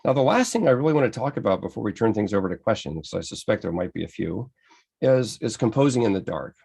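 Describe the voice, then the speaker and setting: An American man with a lowish, husky, somewhat dark voice talks fast in a sing-song way with vocal fry. He's presenting a slide-based photography lecture to a club, enthusiastic and conversational, often restarting his sentences.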